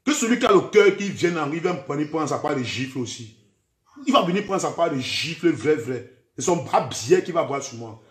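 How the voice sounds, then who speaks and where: High-voiced Cameroonian man, heated and threatening. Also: big pitch swings, fairly quick, echoey room. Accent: Cameroonian French, mixing in Camfranglais. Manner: threatening, heated, keeps repeating "man" and "vrai". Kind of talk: angry rant filmed for social media.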